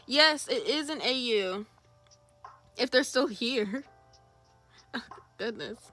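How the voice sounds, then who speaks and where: Bright, lively young woman streamer. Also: a little high, slow, soft background music. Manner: chatty, reads chat aloud, greets viewers brightly. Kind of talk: casual drawing livestream chat.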